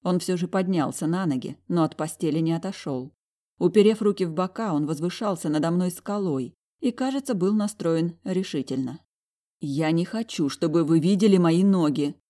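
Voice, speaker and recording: Woman, audiobook narrator, first person, low pitch, emotional expressive reading. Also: moderate pace.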